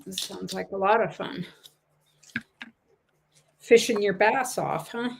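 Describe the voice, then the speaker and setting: A woman sells coins on a livestream, chatting casually, rambling through stories and laughing easily. Her mid-range voice is creaky and slow-paced, with slight background noise.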